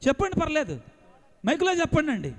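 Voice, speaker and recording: Priest preaching to a big crowd, really high voice, lots of call and response. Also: male voice, quick pace. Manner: lively call-and-response preaching, mixing English phrases. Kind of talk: sermon to a large congregation. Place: large outdoor gathering. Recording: long hall reverb.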